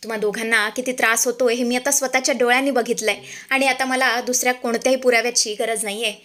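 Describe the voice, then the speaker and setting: Casting: a woman playing a firm, proud mother-in-law, fairly high voice. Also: fairly even intonation, fast, sharp tone. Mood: remorseful. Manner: firm, then apologetic. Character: stern mother-in-law turned remorseful.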